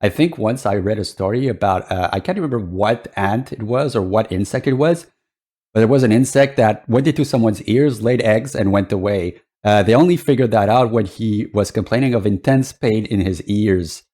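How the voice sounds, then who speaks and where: A man's voice: fairly low pitch, normal speed, mellow. A man giving casual reaction commentary as a streamer, in a hesitant, rambling way. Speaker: VTuber streamer.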